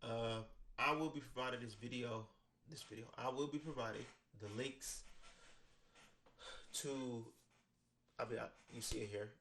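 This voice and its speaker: A man's voice: medium pitch, unhurried, long pauses, fairly bright tone, slight background noise. Stuffy-nosed man explaining stock basics. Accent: American. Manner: loose and conversational, many "right?" tags. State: stuffy nose from a cold. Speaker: finance educator. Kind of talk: casual explainer talk to camera. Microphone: studio microphone with headphones.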